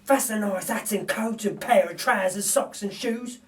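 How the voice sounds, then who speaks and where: Man playing Burglar Bill, a high-voiced cheeky crook. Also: normal speed, a bit bright. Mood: pleased, sly. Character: cheeky, good-natured working-class male burglar. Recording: distant microphone.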